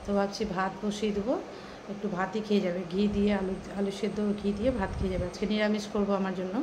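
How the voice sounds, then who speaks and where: Brief: middle-aged woman home vlogger, hushed and tired, mid pitch, steady household noise behind. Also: quick pace. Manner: soft-spoken, rambling, trails off with fillers. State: tired and thirsty from the heat. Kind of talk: casual daily-life vlog chat.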